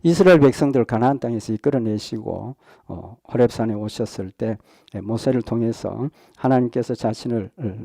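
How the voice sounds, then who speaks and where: A man preaching a sermon with a mellow, warm voice, recorded dry and close. He works through rhetorical questions at a measured, earnest pace. Short hesitant fillers break up his sentences. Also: medium pitch, gravelly, dry recording. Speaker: pastor.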